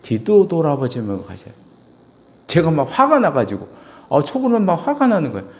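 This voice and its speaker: Gravelly, animated Korean-speaking male pastor. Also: fairly quick. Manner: animated storytelling preacher, swings from loud emphatic peaks to low asides. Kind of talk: sermon.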